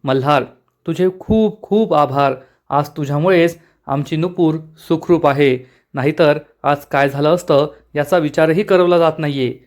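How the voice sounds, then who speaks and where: A man's voice: on the high side, measured pace, darkish tone, close to an everyday voice. A man reading a grateful mother. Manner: thankful, emotional.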